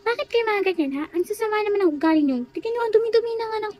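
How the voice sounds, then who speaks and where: A woman's voice: very high voice, expressive, racing, darkish tone. A woman voicing a strict, exasperated female schoolteacher in a toy role-play, scolding her pupils. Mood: lecturing. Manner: scolding, demanding. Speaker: teacher figure. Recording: crowd noise behind.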